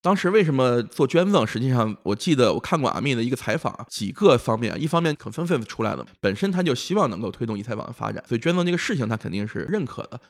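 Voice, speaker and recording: Guy on a podcast explaining stuff casually, really quick talker, emphatic, medium pitch. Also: sing-song. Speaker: knowledgeable podcast speaker.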